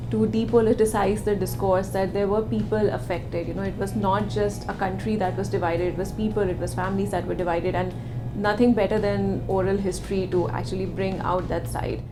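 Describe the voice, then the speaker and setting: A woman from India, a policy researcher giving earnest, thoughtful interview answers. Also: medium pitch. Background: music.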